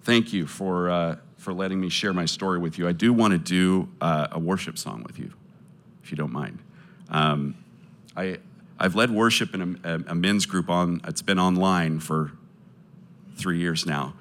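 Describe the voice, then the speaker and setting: There's a little hiss or hum behind this low-voiced, slightly bright man as he earnestly shares his testimony with a live audience. He appeals for support, stopping and starting over many times.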